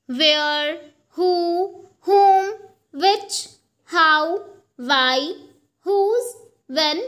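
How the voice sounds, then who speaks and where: A young woman teaching an English grammar lesson from slides, explaining slowly and checking in with "ok" after each point. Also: high voice, a bit bright. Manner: slow, explanatory, repeats points with "ok" and "theek hai". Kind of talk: slide-based lesson, Hindi with English terms.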